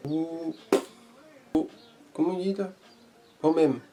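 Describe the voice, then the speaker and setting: This vlogger's voice is a little high and fairly even in intonation, and he speaks slowly. He chats casually about learning Portuguese, repeating phrases as he tests them and bragging in a lighthearted, playful way.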